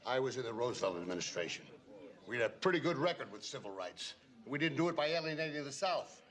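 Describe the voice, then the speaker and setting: Male actor as older domineering father, scolding, very quick talker. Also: medium pitch, expressive, a bit bright, close to an everyday voice. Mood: commanding. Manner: brisk, commanding, scolding. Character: domineering older father, former government man.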